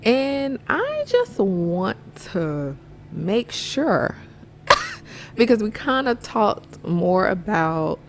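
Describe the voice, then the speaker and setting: Woman podcast host, gravelly fry, unhurried, earnest, slightly out of breath. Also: medium pitch. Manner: earnest, laughs often. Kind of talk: casual faith-based chat.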